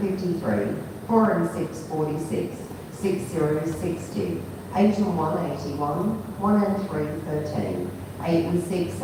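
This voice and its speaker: A woman working as a bingo caller, reading out each number digit by digit and then whole in a formulaic patter. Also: fairly low pitch. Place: large echoing hall, heard from far off. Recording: distant, very echoey hall, clear background noise.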